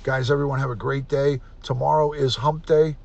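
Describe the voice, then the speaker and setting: A man in his fifties with a gravelly New voice, hosting a live stream in a loose, chatty way. He runs through viewer names one by one and keeps thanking them as he signs off. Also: mid-range voice, fairly even intonation, normal speed, darkish tone, lo-fi sound. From United States. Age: 50s. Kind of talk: casual live stream sign-off.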